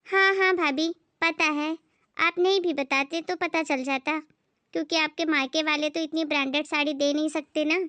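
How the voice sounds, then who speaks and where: A spoiled, snobbish young sister-in-law who drawls her taunts, as a woman acts her out. The voice is high and close, with a dry recording and no room sound. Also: steady tone, normal speed, bright, forceful tone, dry recording. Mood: taunting.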